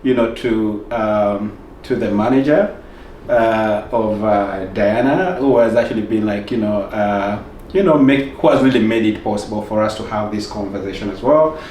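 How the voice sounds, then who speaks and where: A man's voice: on the low side, moderate pace, darkish tone, reverberant, recorded from a distance, slight background noise. A man hosting a news channel interview on set, talking effusively with many fillers and hesitations. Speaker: interview host. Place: studio set with roomy sound.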